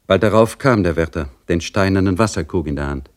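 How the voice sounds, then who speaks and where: A man with a very deep voice reads a literary story aloud. His delivery is measured and dramatic, with a calm, steady storyteller's pace. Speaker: audiobook reader. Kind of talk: literary audiobook reading.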